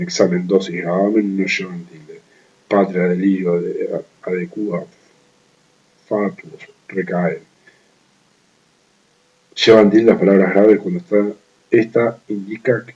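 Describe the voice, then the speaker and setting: A man reading a legal writing manual aloud, steady and methodical, restarting words he stumbles on and adding brief offhand remarks. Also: sits low, lo-fi sound. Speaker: law study reader.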